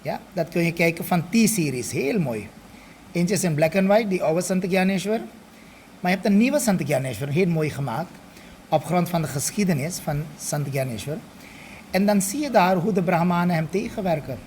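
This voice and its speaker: A man's voice: high-pitched, animated, normal speed, darkish tone, a little hiss or hum. A man, a swami, leading a scripture study group, explaining and often checking in with his listeners, slipping Hindi and Sanskrit phrases into his talk.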